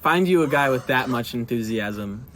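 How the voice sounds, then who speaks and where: Lively, bright-voiced man reacting to clips. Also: mid-range voice, moderate pace, a little hiss or hum. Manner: excitable, laughs easily, slangy. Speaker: reaction video host. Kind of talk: casual reaction commentary.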